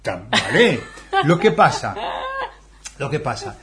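Man, from England, casual video host, unhurried delivery, lively swinging pitch, stops and restarts. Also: crowd noise. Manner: animated, hesitant restarts. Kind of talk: casual chat.

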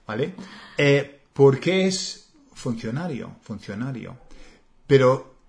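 A man with an English accent speaking Spanish, co-hosting a relaxed language lesson, slow and hesitant with many fillers. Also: medium pitch, gravelly. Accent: English learner speaking Spanish. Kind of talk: casual conversational lesson.

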